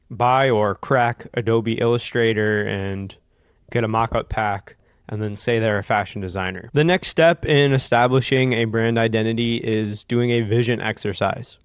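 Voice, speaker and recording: A young adult man talks straight to the camera in an upbeat, instructive way. His voice is smooth and crisp at a middle pitch. It is recorded close and dry, with no room sound. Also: no room sound. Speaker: fashion brand founder and channel host. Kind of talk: scripted talking-head advice video.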